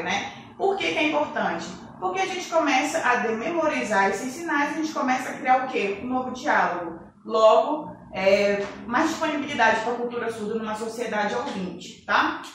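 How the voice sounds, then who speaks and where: A woman's voice: on the high side, fairly bright tone. A woman teaching an online class, explaining signs step by step and asking rhetorical questions she then answers herself. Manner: names signs one by one while demonstrating. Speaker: sign language teacher. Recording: roomy echo from a distance, faint noise.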